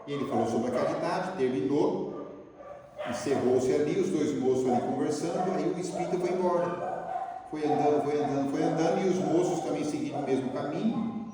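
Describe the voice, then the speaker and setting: This man's voice is slightly high and slightly quick, and his accent is Brazilian Portuguese. He gives a spiritist lecture in an echoing hall, animatedly recounting stories and asking the audience questions, captured from a distance with background noise.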